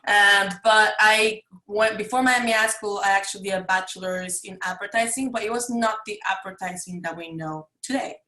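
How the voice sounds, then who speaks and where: A woman's voice: mid-range voice, moderate pace, few pauses, bright, forceful tone, echoey room, poor audio. A young woman from Mexico, an advertising student, talking casually and rambling with lots of fillers on a video call. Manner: chatty, rambling with many fillers.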